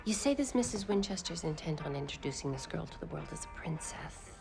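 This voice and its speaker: A woman's voice: low voice, lively intonation, fairly quick, vocal fry, over music. An actress playing a sardonic, haughty female con artist in a period TV drama.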